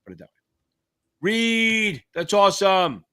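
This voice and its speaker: A man hosting a live Q&A stream for exam takers, reading out viewers' names and answering them with loud, profane cheers. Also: high voice, big pitch swings, measured pace, smooth. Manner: hyped, profane, shouty cheers. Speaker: livestream host and exam tutor. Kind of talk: live Q&A chat.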